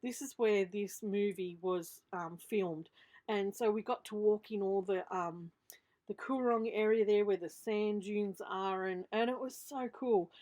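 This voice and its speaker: This craft vlogger, an Australian-accented woman in her fifties, rambles casually through a show-and-tell voiceover, unscripted and chatty, frequently trailing off and self-correcting. Her medium-pitched, slightly mellow voice has a slight lisp from a missing tooth.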